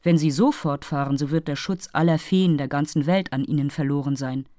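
A woman's voice: deep voice, fairly quick, mellow, no room sound, clean studio sound, natural voice. A woman voicing a haughty, moralizing female fairy who lectures and takes offense easily. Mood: scolding.

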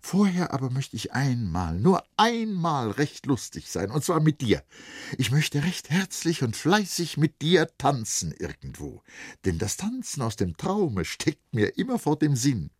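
A man's voice: wildly swooping pitch, a little slow, husky, dry recording, studio quality, full character voice. A man voicing a young village girl in an audiobook, lifting his voice and sounding pleading and impulsive. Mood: wistful. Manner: raised girlish pitch, pleading. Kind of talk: audiobook character voice.

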